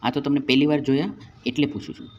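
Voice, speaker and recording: A man's voice: medium pitch, flat delivery, fast, lo-fi sound, slight background noise, close to an everyday voice. A man voicing a curious gossiping neighbor woman who speaks bluntly. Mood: prying.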